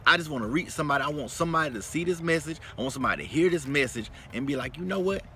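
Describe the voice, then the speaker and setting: Guy preaching motivation at the camera, bright forceful voice, a bit of hiss behind. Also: on the high side, very fast. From North Carolina. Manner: preachy, folksy, animated and emphatic. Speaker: motivational vlogger.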